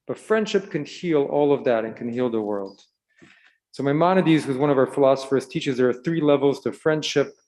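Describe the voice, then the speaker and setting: A man who was born in Israel gives a gentle, storytelling sermon to children at a Shabbat service and asks them questions along the way. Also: fairly high pitch. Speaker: rabbi. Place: synagogue sanctuary.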